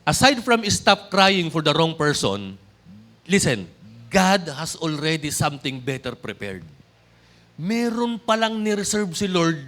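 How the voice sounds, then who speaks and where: A man with a Filipino accent preaches with animated energy, mixing Tagalog and English as he speaks straight to the congregation. His voice sits high for a man and has a bright, forceful edge. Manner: often addresses the congregation directly. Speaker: pastor. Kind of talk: sermon.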